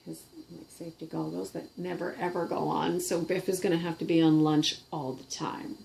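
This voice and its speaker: A woman's voice: deep voice, little pitch movement, normal speed, creaky, a little mellow. A middle-aged woman with a Canadian accent, chatting casually and giggling as she shows off her puppets at her kitchen table. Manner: chatty, giggly, self-deprecating. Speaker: puppeteer and vlogger. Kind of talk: casual show-and-tell chat.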